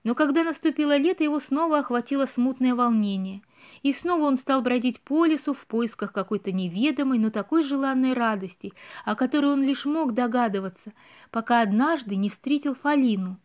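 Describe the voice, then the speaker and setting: A woman reading a storybook audiobook aloud with expressive storytelling. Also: high-pitched, brisk. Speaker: audiobook reader. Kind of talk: storybook narration.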